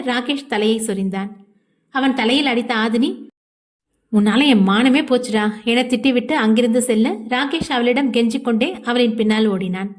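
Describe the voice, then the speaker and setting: Storyteller: woman with a fairly high voice, reading an audio novel steadily and expressively.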